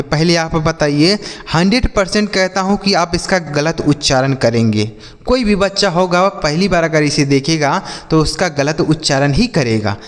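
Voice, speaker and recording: A man's voice: fairly high pitch, big-room sound. A man hosting a spoken English lesson, spelling words out letter by letter, repeating and quizzing his students, whom he calls children. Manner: addresses viewers as children and brother. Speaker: English teacher, channel host.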